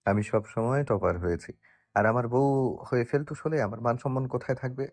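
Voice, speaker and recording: An actor playing a stern, proud young husband in an audio drama. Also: male voice, fairly low pitch, moderate pace, no room sound, close to an everyday voice. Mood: firm. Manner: firm, commanding.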